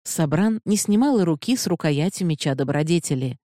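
Audiobook narrator, measured reading, mid pitch, dry close mic. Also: expressive, dark tone, no echo.

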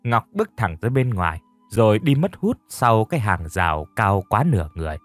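A man narrating an audio story in a steady, even reading voice. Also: lowish voice, fairly quick, dry recording. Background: soft music.

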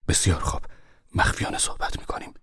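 A man voicing a calm, patient older husband in a whispered role-play, speaking in a soft, low whisper. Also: no echo, clean studio sound, natural voice.

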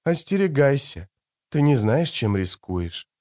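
A cold, stern ancient elf, voiced by a male audiobook reader, calm and measured, warning in a hushed, low register. His lines keep a lively pitch even when quiet. The recording is close and dry. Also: no room sound. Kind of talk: audiobook character reading.

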